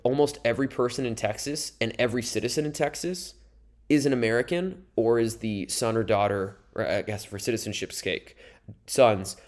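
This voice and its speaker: A young man of medium pitch and darkish tone, speaking at normal speed, delivers a recorded history lecture with slides. He explains casually and conversationally, adding asides for his students.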